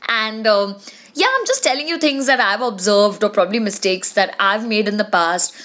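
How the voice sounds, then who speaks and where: A young woman from India hosting a solo podcast, talking in a chatty, confiding way with lots of fillers, her voice raspy from a cold. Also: mid-range voice, animated, moderate pace, a bit bright. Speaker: podcast host. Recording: dull lo-fi sound.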